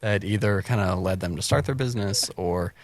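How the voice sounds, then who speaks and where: A man's voice: sits low, fairly quick, no echo. A man hosting a podcast interview, asking questions and encouraging his guest. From United States. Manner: encouraging, many affirming mm-hmms. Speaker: podcast host.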